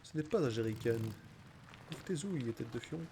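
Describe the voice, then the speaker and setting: A man's voice: mid-range voice, lively intonation, normal speed, warm tone. A man giving casual, slangy gameplay commentary, playfully narrating his own actions with mock-heroic flourishes. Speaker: gaming streamer. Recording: faint game noise and vehicle ambience.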